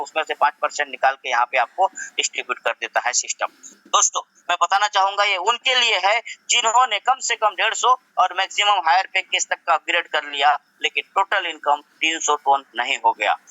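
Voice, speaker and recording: A man's voice: a little high, pushed and bright, no echo, poor audio. A man presenting a business plan to his audience, asking rhetorical questions and repeating phrases for emphasis. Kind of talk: promotional presentation.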